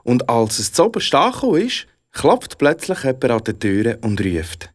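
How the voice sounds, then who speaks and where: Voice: mid-range voice, moderate pace. A storyteller with a Swiss German accent, narrating a fairy tale expressively. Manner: expressive, animated.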